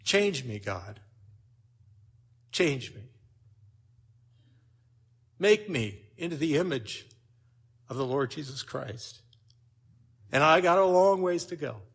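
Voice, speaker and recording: An older man preaching a sermon, telling a personal story with lively swings in loudness. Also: on the high side, slow pace, pauses often, breathy edge.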